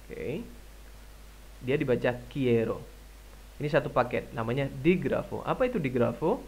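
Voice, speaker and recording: A man with an Indonesian accent teaching a language lesson, saying words slowly and repeating them for learners to echo. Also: medium pitch, expressive, husky. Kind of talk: slow, drilled language lesson.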